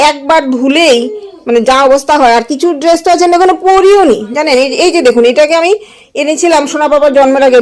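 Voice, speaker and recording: A young woman talks through her household chores for a home vlog. Her voice sits high and light, friendly and conversational, and she speaks directly to the people watching. Now and then she slips into soft baby talk for her infant nearby. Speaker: vlogger and young mother. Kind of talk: casual home vlog narration to viewers. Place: at home, bedroom and kitchen.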